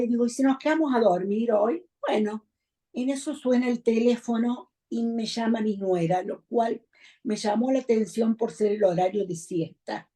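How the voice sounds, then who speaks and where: A middle-aged woman from Argentina with an Argentine accent, recounting her personal story as a mother in a testimonial interview, in a measured, reflective way with many pauses. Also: fairly high pitch, mellow. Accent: Argentine Spanish. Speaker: bereaved mother giving testimony.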